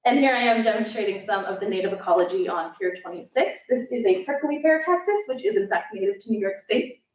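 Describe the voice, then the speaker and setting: A woman's voice: mid-range voice, animated, fast. A young woman student presenting her internship slides with enthusiasm. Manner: enthusiastic, gets emotional and choked up near the end. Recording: echoey, distant, dull lo-fi sound.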